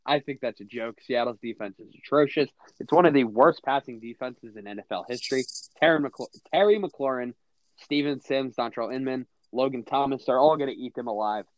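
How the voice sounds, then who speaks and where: A man's voice: medium pitch, fairly quick, dry recording. A man hosting a casual sports podcast, reading game previews and giving blunt, opinionated picks. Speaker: podcast host. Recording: dull lo-fi audio.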